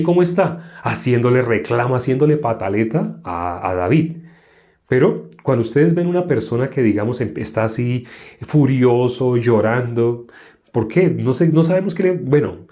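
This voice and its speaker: A male preacher delivers a sermon in a dark, mellow voice. He leans on rhetorical questions to his listeners. He acts out the people he quotes with sudden leaps in pitch.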